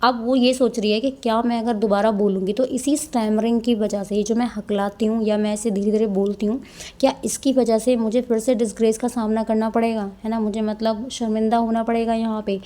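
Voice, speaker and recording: Lady teacher explaining a story chapter, reads bits slow then explains in hinglish, kinda high soft mellow voice. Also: level tone. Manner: reads English lines slowly, then explains in Hindi-English mix; frequent tag questions. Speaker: English teacher. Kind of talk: explaining a textbook chapter, reading passages aloud.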